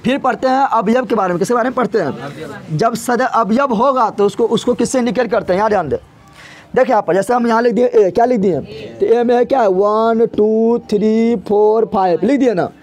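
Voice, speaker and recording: A man teaching a math lesson in a classroom, speaking with a lilt and drilling his students with repeated questions and slow, drawn-out counting. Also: sits high, darkish tone.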